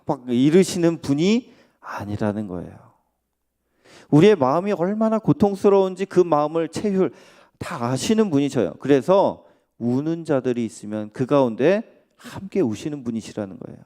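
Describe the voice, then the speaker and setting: A man's voice: fairly high pitch, big pitch swings, normal speed, mellow. A male pastor preaching in a church, speaking conversationally and putting rhetorical questions to the congregation. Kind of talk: sermon. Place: church sanctuary.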